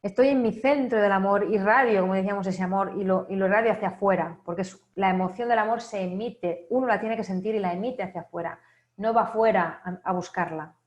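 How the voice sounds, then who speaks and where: A woman giving a motivational talk at a wellness congress, leading listeners through a string of rhetorical questions and often checking in with a quick "right?". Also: medium pitch. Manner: asks many rhetorical questions, often ends with a checking "¿vale?". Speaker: speaker at an online wellness congress. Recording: echoey room.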